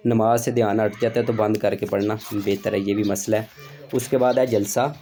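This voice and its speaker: A man's voice: mid-range voice, mellow, slight background noise. A man teaching a religious lesson in an informal, repetitive way, full of fillers. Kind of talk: explanatory lesson.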